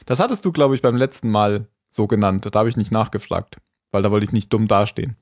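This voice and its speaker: A man's voice: lowish voice, fairly quick, a little mellow, no room sound, clean studio sound. A man hosting a podcast, casually recapping an episode in a conversational way. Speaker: podcast host.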